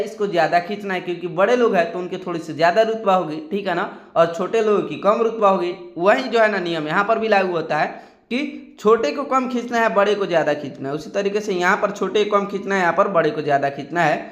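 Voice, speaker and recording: A man's voice: high voice, fairly bright tone, roomy sound. A man teaching a Hindi alphabet lesson, patiently drilling syllables and often checking in with his viewers. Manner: patient, drawn-out syllable drills, frequent "ठीक है ना". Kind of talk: screen-recorded lesson.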